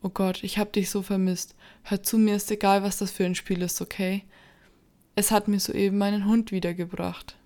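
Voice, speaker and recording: A woman's voice: medium pitch, moderate pace, close to an everyday voice. A woman voicing an eager, pushy young man in a horror story reading. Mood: tearful. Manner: energetic, pushy.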